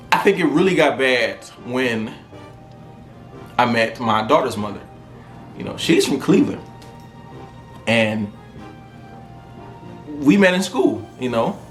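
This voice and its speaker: A man, hosting a podcast and telling stories in a casual, comedic monologue. He is animated and profane. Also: mid-range voice. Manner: animated, profane storytelling with frequent laughter. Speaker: podcast host. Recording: roomy echo with faint music.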